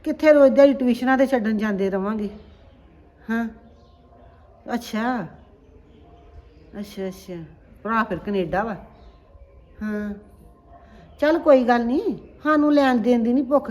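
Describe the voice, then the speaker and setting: A middle-aged woman playing a mother looking for a bride for her son, chatty and lively in her talk. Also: on the high side, moderate pace, long pauses, close to an everyday voice. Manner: chatty, animated on the phone. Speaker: mother of the groom.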